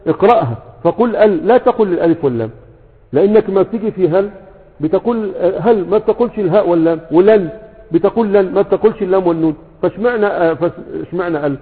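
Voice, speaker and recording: A man with an Egyptian Arabic accent gives a brisk grammar lecture, talking fast and often breaking off to check that his students follow with quick questions. The sound is tinny and narrow, as if over a phone line, with a long echo around it. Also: high-pitched. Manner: keeps checking in with rhetorical questions. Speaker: grammar teacher. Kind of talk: lecture with a class.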